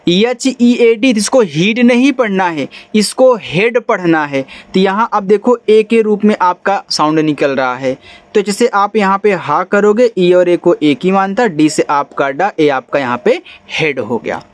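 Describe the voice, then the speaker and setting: A man's voice: high voice, lively intonation, unhurried, no room sound. A man teaching English spelling and pronunciation step by step to beginners, often checking if the students follow. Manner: explains step by step, asks students if they follow. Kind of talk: whiteboard phonics lesson in Hindi.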